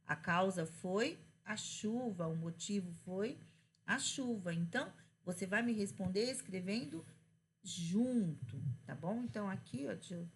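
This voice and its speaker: A woman's voice: medium pitch, animated, unhurried, a little hiss or hum. A Brazilian woman teacher giving a casual grammar lesson, chatty, stretching key words and answering her own questions. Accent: Brazilian Portuguese. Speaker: Portuguese teacher.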